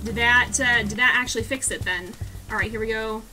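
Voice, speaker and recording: A young woman streaming a speedrun, giving quick, excitable play-by-play commentary and repeating phrases as she goes. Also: a little high. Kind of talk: live gameplay commentary. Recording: game music in the background.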